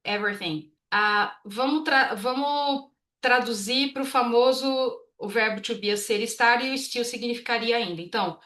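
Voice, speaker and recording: A woman with a Brazilian Portuguese accent teaching English in a casual, chatty way, reading her example sentences slowly. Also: fairly high pitch, bright, forceful tone, reverberant. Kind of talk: casual explanatory lesson.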